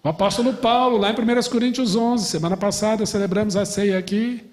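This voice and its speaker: Man, pastor from brazil, middle-aged, teaching a bible class, high voice, animated, asks questions, cracks jokes. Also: fairly quick, in a large hall. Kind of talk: lively Bible lesson to a class.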